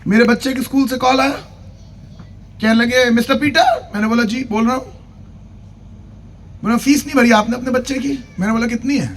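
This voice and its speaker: A man's voice: very high voice, fairly quick, pauses often, a little hiss or hum. A man preaching at a church convention, telling a humorous personal story, acting out the dialogue and urging the congregation to clap. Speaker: pastor. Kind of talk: sermon.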